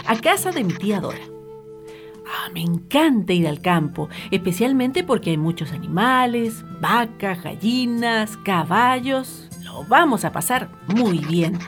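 A woman playing a curious, timid young girl in an audio drama, exclaiming and sighing in a wide-eyed manner. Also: mid-range voice. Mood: dreamy, cheerful.

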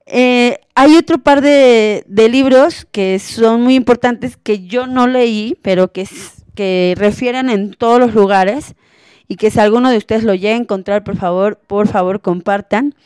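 A woman hosting a podcast, talking in a relaxed, chatty way with many fillers. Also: a little high, measured pace, clean tone, dry recording, studio quality. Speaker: podcast host. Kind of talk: casual podcast talk.

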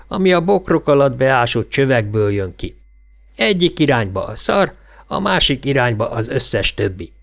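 A man voicing a gruff older small-town policeman who lectures in blunt, folksy dialect. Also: mid-range voice, lightly acted. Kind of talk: audiobook character voice.

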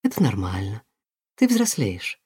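Male reader voicing mother cat, soft, soothing, lowered voice, storybook. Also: huge pitch swings, a little slow, breathy edge, dry recording, clean studio sound, heavily acted. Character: gentle, patient mother cat.

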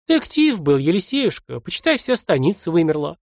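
A man's voice: a little high, big pitch swings, moderate pace, no echo, studio quality. A man reading aloud and voicing a tearful, fussing old village grandmother with a folksy, doting way of talking.

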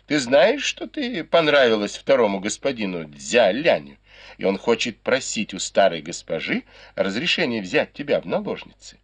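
A man reading an audiobook, voicing a sharp-witted noble lady who teases and commands her maids. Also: lowish voice, huge pitch swings, moderate pace, slightly rough, no echo, heavily acted. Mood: teasing.

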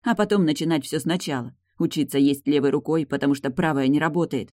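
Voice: medium pitch, quick pace, darkish tone, dry recording, clean studio sound, close to an everyday voice. A reader voicing a bitter, mocking young woman who was badly injured, sarcastic and cutting in an audiobook dialogue.

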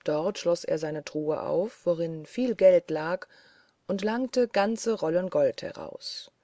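A woman narrating a fairy tale audiobook in a measured, deliberate way. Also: on the low side, dark tone, no room sound, clean studio sound. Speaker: audiobook reader. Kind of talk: storybook narration.

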